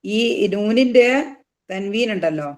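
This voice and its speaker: A teacher giving a tajweed lesson, explaining each rule and then sounding out the words slowly to drill them. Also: mid-range voice, darkish tone. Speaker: Quran teacher.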